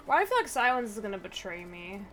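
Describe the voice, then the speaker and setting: A woman streamer giving casual, excitable, sweary live commentary while she plays a video game. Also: mid-range voice, quick pace, a little hiss or hum. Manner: excitable, sweary, reacts out loud.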